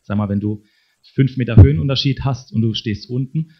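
Talking straight to his congregation, this middle-aged preacher delivers a conversational sermon and tags many sentences with a questioning "ne?". He speaks a little fast at medium pitch, captured in a dull lo-fi sermon recording.

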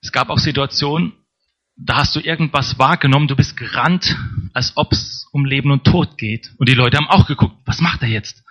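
A man's voice: mid-range voice, normal speed, lo-fi sound. A man preaching a sermon in a conversational way, often checking in with the congregation. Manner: conversational, tag questions to congregation.

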